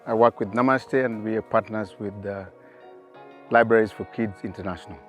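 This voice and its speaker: A man from Kenya who works as a safari guide, explaining things to the camera in a measured way. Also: lowish voice, fairly even intonation. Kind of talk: interview talk. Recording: faint music behind.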